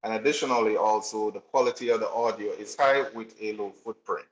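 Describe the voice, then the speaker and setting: A man's voice: on the low side, a little fast. Man giving a technical presentation, many ums. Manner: frequent filler ums, steady explanatory delivery. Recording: roomy, slightly dull recording.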